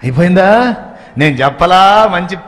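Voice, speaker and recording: A man playing a scheming uncle who gave poison, shouting mocking questions in a high, loud voice. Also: normal speed, long reverb tail. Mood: gloating, shouting.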